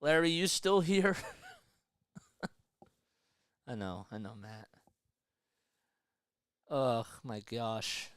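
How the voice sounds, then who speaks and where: A young man doing live fan play-by-play of a basketball game, excitable, yelling at big plays and dropping to a hushed mutter between them. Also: medium pitch, drawn-out words, pauses often, smooth, no room sound.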